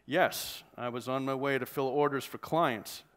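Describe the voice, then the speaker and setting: A man reading aloud from a novel, voicing a smooth, courteous older male smuggler who smirks through his words. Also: mid-range voice, steady tone, a little slow, a bit bright, close to an everyday voice. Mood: suave. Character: urbane older male drug smuggler, smug and polite.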